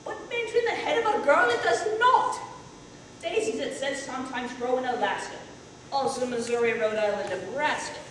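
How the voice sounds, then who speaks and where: A woman's voice: sits high, animated, a little hiss or hum. A woman playing a flustered school principal. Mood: puzzled. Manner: brisk, rhyming, declamatory. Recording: echoey hall from far off.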